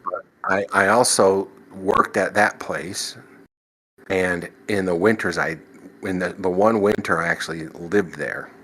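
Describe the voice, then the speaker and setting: A man appears as a podcast guest, casually recounting his paranormal experiences in a rambling way, restarting sentences, saying "you know" often, and chuckling now and then. His low voice has fairly even intonation and a little slow pace, sounding pushed and bright on a low-quality recording.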